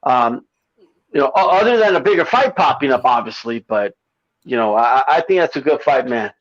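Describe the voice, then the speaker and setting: A man calling in to a boxing talk show. He sounds like he is on a CB radio, and he talks casually in a halting way, often repeating words and restarting. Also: mid-range voice, expressive. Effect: sounds like talking over a CB radio. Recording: muffled lo-fi call-in line.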